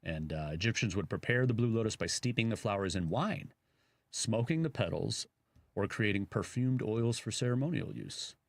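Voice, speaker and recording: A man's voice: on the low side, expressive, normal speed, vocal fry, no echo. A man with a Chicago accent, co-hosting a radio talk show and chatting casually in a rambling way, full of fillers. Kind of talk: casual chat.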